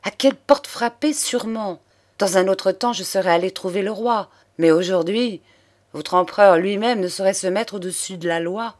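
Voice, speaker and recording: An older aristocratic count, shaken by grief yet rousing himself with sudden energy, as a woman reads him aloud. He speaks earnestly and with paternal tenderness, exclaiming often. It is storybook reading in a plain voice of middle pitch. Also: moderate pace, a little mellow, natural voice. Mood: troubled. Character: elderly aristocratic count, grieving, energetic father.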